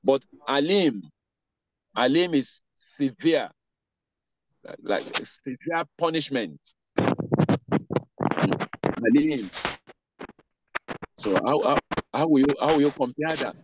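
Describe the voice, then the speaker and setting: A man teaching an Arabic pronunciation class online, saying words slowly and carefully and then explaining the rules behind them. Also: medium pitch, very noisy. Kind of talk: online class with read-after-me drills. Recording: dull lo-fi online class audio.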